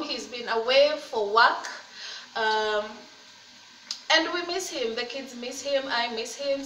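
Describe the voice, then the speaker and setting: A bright, fairly high-voiced woman in her thirties talks her viewers through a recipe in a cheerful, encouraging way. She is recorded from a little distance in an echoey home kitchen, with faint room noise behind her. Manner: chatty, upbeat and encouraging, with faith talk. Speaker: cooking vlogger, mother. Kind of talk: casual cook-along chat. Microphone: laptop or phone camera at desk distance. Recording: roomy, slightly distant camera mic with faint ambience.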